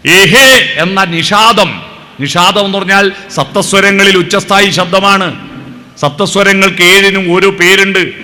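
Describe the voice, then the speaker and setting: A man's voice: high voice, unhurried. A middle-aged man giving a devotional speech, telling stories and breaking into song. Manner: animated storyteller, breaks into song. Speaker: devotional speaker. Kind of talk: devotional speech with sung verses.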